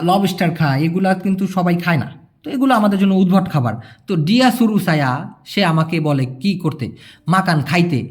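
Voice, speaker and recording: Casual male tutor with a high voice, breaks phrases down patiently. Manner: explains word by word, repeats phrases slowly. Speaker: language teacher. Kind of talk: casual spoken lesson.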